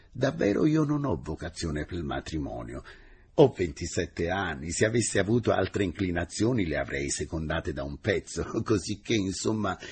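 A man's voice: low-pitched, husky, full character voice. A man voicing a frank, firm schoolmistress. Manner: firm, measured, sincere. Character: proud, frank young schoolmistress of twenty-seven.

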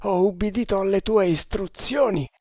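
A man reading an audiobook, voicing a frightened male strangler ally with high, urgent cries. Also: normal speed, no room sound, studio quality. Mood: tense. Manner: high, shouted pleas.

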